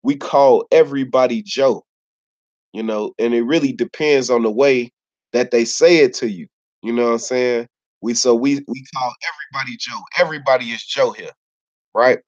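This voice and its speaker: A man's voice: mid-range voice, moderate pace, darkish tone. A man from Chicago with a Chicago accent, talking casually to camera in a slangy, laid-back storytelling way. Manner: laid-back slangy storytelling, many "you know what I'm saying". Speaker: YouTuber. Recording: slightly dull lo-fi recording.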